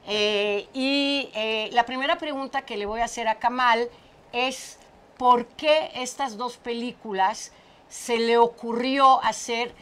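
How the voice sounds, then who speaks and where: A woman's voice: on the high side, fairly bright tone. Middle-aged woman host, casual interpreter, talkative, restarts often, lapel mic. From Portugal. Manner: chatty, repeats words while translating. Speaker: talk show host. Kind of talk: casual chat, interpreting for a guest. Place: small studio set with brick wall.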